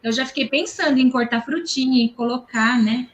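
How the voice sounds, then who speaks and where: A woman's voice: high voice, moderate pace, low-quality recording. A woman, a mother and guest, talking eagerly on a video call, often restarting her sentences and tagging them with little checks. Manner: enthusiastic, hesitant restarts, frequent "né". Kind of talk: casual video call conversation.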